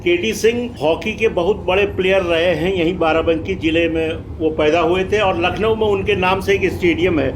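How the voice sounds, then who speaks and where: A man's voice: sits high, fairly even intonation, normal speed, hardly any pauses, background noise. A man giving informative travel vlog commentary, explaining things directly to viewers. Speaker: vlog host. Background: faint metro train ambience.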